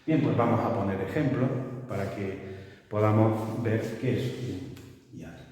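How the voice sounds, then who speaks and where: A man's voice: lowish voice, a little slow. A man teaching a spelling lesson, explaining patiently and often checking that his listeners follow. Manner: explanatory, frequent checking tags, lively emphasis. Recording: echoey room from far off, faint noise.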